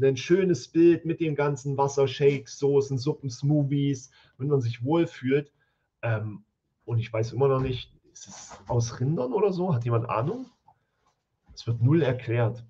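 A man's voice: mid-range voice, dark tone, husky. A man with a German accent hosting a live review of product listings, blunt and thinking aloud as he goes, recorded from a home office. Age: adult with school-age children. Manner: blunt, thinks aloud, mutters while counting. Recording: slightly dull, lo-fi stream audio.

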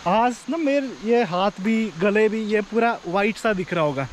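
A man's voice: high voice, a little slow, noisy background. Chatty man vlogging outdoors. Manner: chatty, joking, addresses viewers directly. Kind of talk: casual vlog narration. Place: outdoors in hill country near a river.

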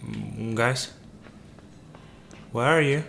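A man's voice: mid-range voice, extremely slow, gravelly, fairly bright tone, slight background noise. A man giving casual gameplay commentary, joking and talking to the game's characters as if they were his crew. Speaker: let's play gamer.

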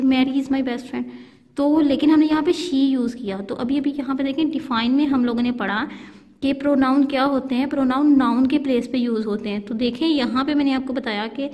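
High-voiced teacher woman explaining grammar. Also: steady tone, darkish tone, in a large hall. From Pakistan. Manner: explains slowly, mixing English and Urdu, asks "theek hai?" often. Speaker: school teacher. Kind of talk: classroom grammar lesson.

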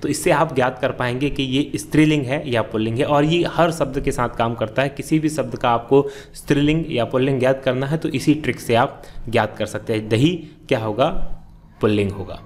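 A man with a mid-range voice teaches an exam-prep grammar lesson. He asks a question, then answers it himself, and explains each point one step at a time. There is a faint hiss behind him. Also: mid-range voice.

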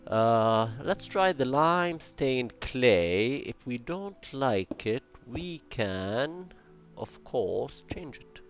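A young man with a gravelly voice hosts a building game channel, muttering to himself, counting blocks and tossing in playful Spanish words. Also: mid-range voice, very animated, very slow, soft background music. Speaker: Minecraft building channel host. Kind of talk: casual gameplay commentary.

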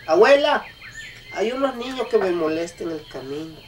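A man's voice: high voice, very animated, normal speed, noisy background. A man with a Mexican accent voicing a bullied young boy who complains to his grandmother. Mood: complaining.

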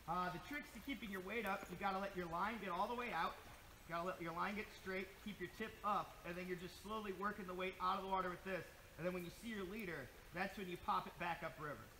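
A man, talking through his technique step by step in an easygoing way. His voice is bright and a little high, picked up by a camera a few steps away outdoors. A faint hiss of river water runs under it. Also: quick pace. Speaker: fishing guide host. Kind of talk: outdoor instructional vlog. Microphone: camera mic at a distance.

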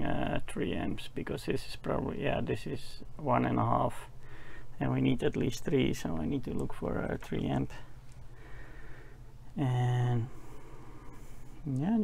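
A man's voice: medium pitch, unhurried, vocal fry, darkish tone, slight background noise. A man in his forties explaining a small electronics job at his workbench in a hesitant, casual way with many filler words. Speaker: electronics hobbyist presenter. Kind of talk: casual workshop tutorial.

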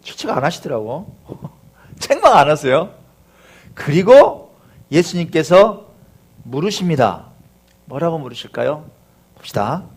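Lively high-voiced pastor preaching a sermon. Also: male voice, unhurried, pauses often, slightly rough. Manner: animated, rhetorical questions to the congregation, acts out voices.

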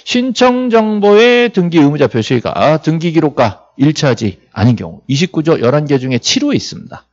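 A man's voice: a little high, darkish tone, lo-fi sound. A man teaching real estate law in a classroom lecture. He is jokey and asks the students questions, then answers them himself. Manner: jokey, acts out little scenes.

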